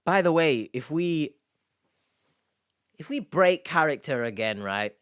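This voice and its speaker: Sarcastic man with a clear, higher-pitched voice. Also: expressive, slow pace, a bit bright. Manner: sarcastic, mock-indignant, dry self-deprecation. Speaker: YouTube host reading out and answering hate comments. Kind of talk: casual comedic commentary with sarcastic reading of comments.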